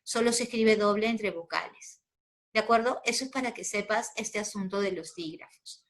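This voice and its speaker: A woman from Peru, with a Peruvian Spanish accent and a medium-pitched voice at normal speed, teaches a grammar lesson. She explains patiently step by step and checks in with her students.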